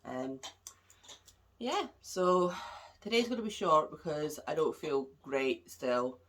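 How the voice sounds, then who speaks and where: A woman's voice: sits low, animated, slow pace, fairly bright tone. A woman hosting a craft podcast, chatting casually and rambling a little, with a stuffed-up, slightly nasal voice from a cold. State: congested, a bit nasal. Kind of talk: casual chat about crafts. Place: at home.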